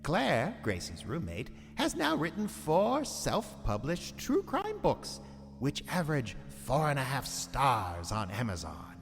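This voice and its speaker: In a long, cavernous reverb over music, a ghoulish warlock horror host for a radio play. His delivery is slow and sardonic, savoring every grisly phrase with gleeful menace and wild swoops in pitch. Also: huge pitch swings, full character voice. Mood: sardonic relish. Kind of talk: theatrical horror radio narration.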